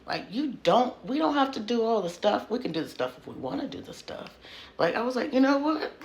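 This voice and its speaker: A woman giving a casual tarot reading on her vlog, frank and crude, swinging between hushed whispers and loud bursts, filmed on a phone propped up at home. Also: on the high side, very animated, a little fast, a little hiss or hum. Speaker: tarot reader.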